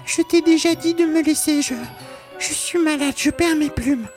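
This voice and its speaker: A woman's voice: sits high, steady tone, normal speed, a little mellow, soft background music, lightly acted. An actress playing a timid young female ostrich who speaks in a frightened, pleading way in a children's audio story. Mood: fearful.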